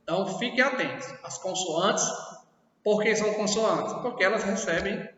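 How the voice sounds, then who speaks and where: A Brazilian man with a high voice teaches a class, explaining step by step and pausing to check understanding. He sounds far from the microphone in a boomy, reverberant room. The recording is dull and lo-fi. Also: a bit bright. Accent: Brazilian Portuguese. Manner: explanatory, asks checking questions often. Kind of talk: classroom lesson. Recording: echoey distant lo-fi room recording.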